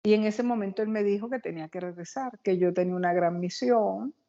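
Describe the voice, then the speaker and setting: A woman guest in an interview tells her own story with eager, tumbling energy, words rushing out as she relives it. Her voice is mellow and warm rather than bright. The recording is a little dull and muffled. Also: mid-range voice. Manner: animated, quick, excitable retelling.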